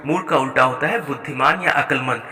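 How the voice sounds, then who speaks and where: Male schoolteacher walking pupils through an exercise, patient, spells words slowly, bright voice, roomy echo. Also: medium pitch. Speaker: Hindi teacher. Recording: echoey room with long reverb.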